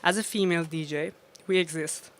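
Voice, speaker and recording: A woman's voice: on the low side, steady tone, a little fast. A woman from Iran, a DJ being interviewed, telling stories with many fillers and frequent laughs. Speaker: DJ and guest. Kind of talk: casual interview.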